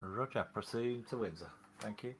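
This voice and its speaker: A man's voice: lowish voice, moderate pace, fairly bright tone, a little hiss or hum. A man reporting over a radio as a train operator, in short, matter-of-fact calls.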